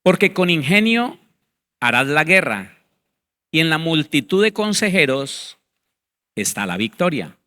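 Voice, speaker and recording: A man's voice: on the high side, big pitch swings, a little slow, long pauses, sharp tone. A male pastor teaching a Bible seminar, reading word definitions aloud and speaking to his listeners directly, with emphatic repetition.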